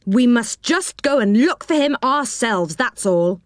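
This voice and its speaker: A woman playing a loyal young boy, earnest and urgent, his voice lifted and lively. Dry, close sound. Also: a little high, measured pace, no echo, voice pushed up.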